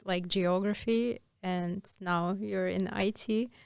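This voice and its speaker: A woman's voice: mid-range voice, steady tone, slow pace, gravelly, clear, resonant tone, dry recording, clean studio sound. A woman hosting a podcast interview, introducing her guest and asking questions in simple, friendly phrasing. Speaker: podcast host.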